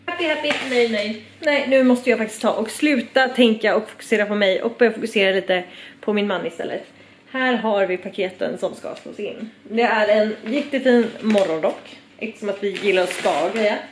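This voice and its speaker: A woman's voice: mid-range voice, slight background noise. Bubbly young woman vlogging at home, kinda tired and rambly, roomy echo. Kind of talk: casual vlog chat.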